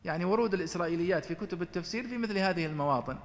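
Guy lecturing fast, chatty, tossing questions at students, echoey hall. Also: sits high, gravelly. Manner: conversational, rhetorical questions to students. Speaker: teacher explaining Quran commentary. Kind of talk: lecture commentary.

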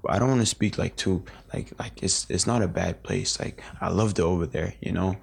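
Young man, late teens, very low voice, gravelly fry, rambling casual interview talk, many fillers and restarts. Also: brisk, darkish tone. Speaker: interview guest.

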